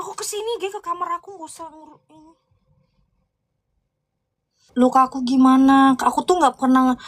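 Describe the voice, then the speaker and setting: A woman's voice: mid-range voice, breathy edge. A young woman chatting on a live stream, answering viewer comments and telling gossip. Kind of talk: casual live-stream chat.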